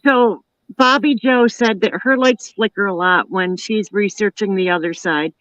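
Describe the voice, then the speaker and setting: A woman's voice: mid-range voice, unhurried, a bit bright, lo-fi sound. A woman hosting a live online talk show, chatting casually and rambling with lots of "you know" and "like". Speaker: host.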